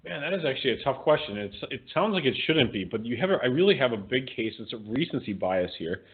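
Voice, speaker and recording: A man co-hosting a podcast in casual chat, giving quick, chatty opinions and correcting himself as he goes. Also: mid-range voice, sing-song, husky. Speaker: podcast co-host. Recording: phone-like narrow sound.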